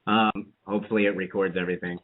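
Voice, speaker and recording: A man's voice: low-pitched, little pitch movement, quick pace. Man on a breaking-up phone line. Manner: rambling, self-interrupting. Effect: choppy phone line that keeps breaking up. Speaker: radio show host. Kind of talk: casual call-in radio chat.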